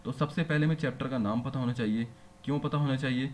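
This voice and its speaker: A man at an ordinary middle pitch teaches a lesson, explaining each point patiently. He keeps turning to his listeners with quick questions to make sure they are following. A faint background noise runs under his voice. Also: darkish tone. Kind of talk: classroom lecture.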